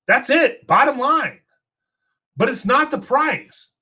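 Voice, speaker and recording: A man's voice: very high-pitched, lively intonation, takes it slowly, bright, forceful tone, breathy edge. A man hosting an insurance podcast, fired up and preaching in a casual chat. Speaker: podcast host.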